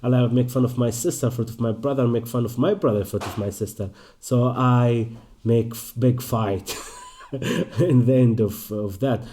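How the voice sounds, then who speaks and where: A young Palestinian man with an Arabic accent, an actor speaking thoughtfully in an interview, with some halting restarts. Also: mid-range voice, dark tone, slight background noise. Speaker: actor and performer. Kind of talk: interview conversation.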